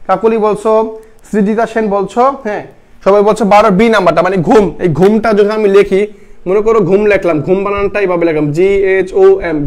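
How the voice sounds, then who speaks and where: A man's voice: high voice, a little mellow. A young man teaching a live online grammar class for admission test students, repeating each question and quizzing his viewers.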